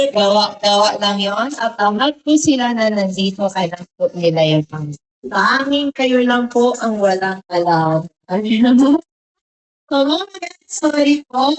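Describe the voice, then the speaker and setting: A woman's voice: mid-range voice, poor audio. A woman hosting a surprise gift delivery who talks very politely, putting "ma'am" at the end of nearly every phrase.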